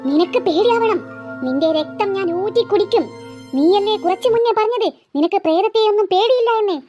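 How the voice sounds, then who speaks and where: A voice actor playing a menacing female ghost in a cartoon, who taunts slowly and threatens to drink blood. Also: over music. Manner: slow, low, threatening taunts. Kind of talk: cartoon voice acting.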